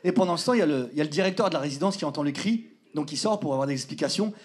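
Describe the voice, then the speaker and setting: A young man telling a stand-up story on stage, animated, acting out voices and sometimes shouting. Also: fairly high pitch, very fast. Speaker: stand-up comedian. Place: theater stage before a live audience. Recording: live show with loud laughing crowd and noise.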